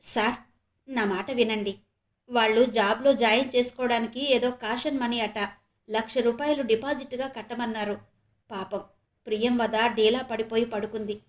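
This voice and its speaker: In a storybook audio novel, a woman narrator voices a humble, soft-spoken mother who looks after others. Her delivery is gentle, tender and slightly high, with devoted, modest speech, fairly even intonation, a moderate pace and a natural sound.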